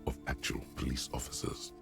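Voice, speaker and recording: A man voicing a stern, scornful narrator in a video game, measured and descriptive. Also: fairly bright tone, lightly acted. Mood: grave. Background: faint game music.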